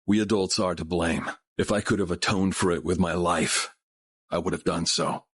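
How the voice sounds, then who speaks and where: A man's voice: low voice, steady tone, moderate pace, fairly bright tone, husky. A man playing a grave, middle-aged father and corporate head in a video game drama, speaking formally and solemnly with regret. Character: grave remorseful wealthy father heading a corporate group.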